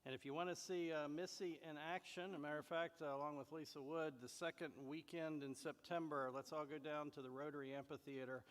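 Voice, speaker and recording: A man hosting the event, thanking the speaker and making a relaxed announcement with some fillers. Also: a little high, a little fast, few pauses, big-room sound. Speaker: event host.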